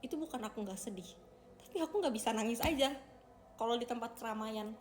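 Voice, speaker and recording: A young woman talks quickly and chattily to her livestream viewers, her voice pitched a little high. She keeps calling them guys as she goes. Faint ambience hums behind her. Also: a little mellow, a little hiss or hum. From Indonesia. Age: young adult. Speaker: idol livestreamer. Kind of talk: casual livestream chat.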